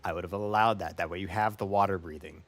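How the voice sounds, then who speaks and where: A man's voice: deep voice, fast talker, very noisy. A man running a tabletop game as game master, narrating the action casually with frequent swearing.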